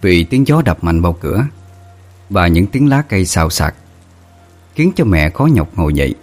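A man's voice: low voice, very animated, normal speed, a little mellow, faint music behind. A man narrating a sad ghost story in an emotive, dramatic way.

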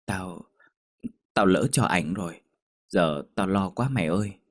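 A man voicing a gentle, worried young woman who speaks softly and hesitantly. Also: sits low, measured pace. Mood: anxious. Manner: soft, hesitant, stammering.

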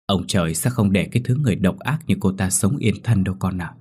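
A man voicing a kind, grieving old village woman who speaks gently and sorrowfully. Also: low voice, fast, breathy edge.

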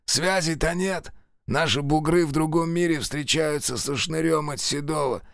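A man's voice: a little high, normal speed, creaky, fairly bright tone, no echo, clean studio sound, voice pushed up. A man voicing a wounded, foul-mouthed middle-aged ex-convict who snaps defiantly at his captors. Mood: sullen. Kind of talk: audiobook character voice.

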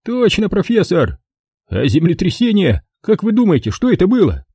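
Guy doing a naive young soldier, kinda high and husky, asks dumb stuff. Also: wildly swooping pitch, normal speed, mellow, dry recording, studio quality, exaggerated voice. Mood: puzzled. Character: simple-minded cheerful young male private.

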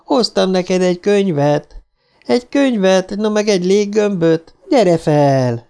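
A man's voice: high voice, animated, vocal fry, darkish tone, clean tone, pitched above the performer's own voice. A man voicing a gleeful, menacing male clown who taunts and cackles. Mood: taunting glee.

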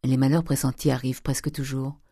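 A man narrating a classic novel as an audiobook in a measured, even way. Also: mid-range voice, husky, no echo, studio quality. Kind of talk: scripted narration.

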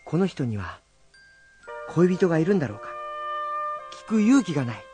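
An actor playing a hot-headed young rakugo storyteller, blunt and quick to scold. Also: male voice, on the high side, sing-song, over music. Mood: brooding. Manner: gruff, rough-tongued and quick to scold. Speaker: rakugo storyteller teaching students. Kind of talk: film drama acting.

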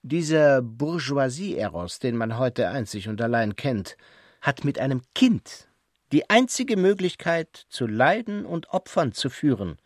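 Brief: self-styled prophet, solemn preacher of brotherhood; radio play; unhurried, dry close mic. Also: male voice, medium pitch, very animated, no room sound. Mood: preaching. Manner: slow, grave and preaching.

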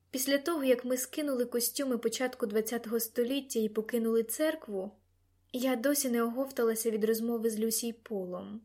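A woman reads a novel aloud in the first person, with a somewhat high voice. Her narration is lively and expressive, shaping each sentence for the listener. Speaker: audiobook narrator.

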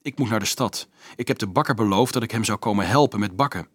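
An earnest fifteen-year-old boy, as a man narrator reads him, urgent yet polite in an audiobook. The voice sits fairly low. The sound is close and dry. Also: fast talker, a bit bright, husky, no room sound.

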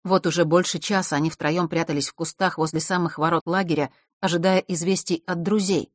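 A woman narrating an audiobook chapter in a calm, measured reading on a close mic. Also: lowish voice, dry recording.

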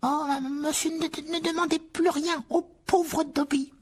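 A very high, thin-voiced male house-elf, as a woman acts him out, timid and fretful. He pleads, frets and scolds himself in an audiobook drama. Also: moderate pace. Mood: anxious. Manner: pleading, fretful and self-punishing.

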